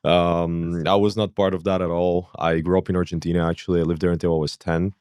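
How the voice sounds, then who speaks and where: Deep-voiced guy in his 30s, born in kazakhstan, rambling guest story, dry close mic. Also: flat delivery, a little fast, a little mellow, clean tone, dry recording. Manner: rambling, fillers, acts out his own past thoughts. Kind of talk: casual interview.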